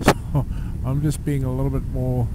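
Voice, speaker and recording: A man with a South African accent giving halting, filler-laden commentary while riding a motorbike along a coastal highway. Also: level tone. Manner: halting, many fillers and restarts. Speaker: touring cyclist vlogger. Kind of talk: casual travel commentary. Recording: road and engine noise.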